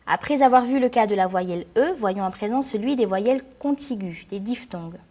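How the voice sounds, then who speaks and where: A woman's voice: mid-range voice, animated, dark tone. Woman narrating a scripted lesson. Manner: clear, measured explanatory delivery. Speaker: French teacher.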